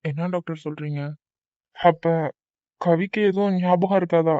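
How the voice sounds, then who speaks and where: A man's voice: on the high side, fairly even intonation, normal speed, mellow, no echo, close to an everyday voice. Man voicing a desperate cartoon husband, pleading, muffled dry recording. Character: worried young husband at a hospital. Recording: dull dry recording with faint music.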